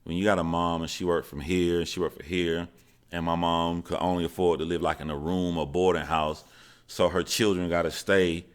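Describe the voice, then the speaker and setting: Very deep-voiced man, halting and earnest. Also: flat delivery. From Georgia, USA. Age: 40s. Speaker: storyteller. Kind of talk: personal storytelling monologue.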